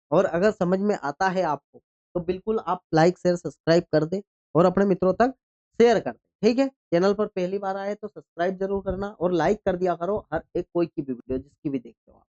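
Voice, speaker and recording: A man's voice: sits high, a little mellow, lo-fi sound. A man teaching an exam-prep lesson, reading quiz questions, repeating each answer back as a question and calling his listeners brother.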